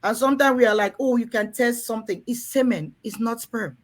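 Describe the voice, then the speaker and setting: A Cameroonian woman, her voice on the high side and a little fast, hosts a frank talk for a room of women. Earnest and coaxing, she keeps turning toward the ladies in her audience.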